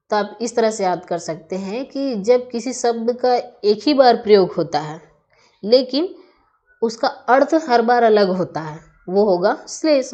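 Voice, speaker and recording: A woman's voice: fairly high pitch, darkish tone, dull audio. A woman teaching a Hindi grammar lesson, explaining patiently step by step and asking rhetorical questions.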